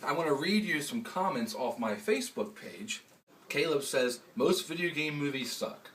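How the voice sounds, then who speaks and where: A man with a higher, fairly bright voice and lively intonation hosts a casual video blog at a normal pace. He comments with emphasis and plenty of rhetorical questions, picked up by a far-off mic over faint background noise.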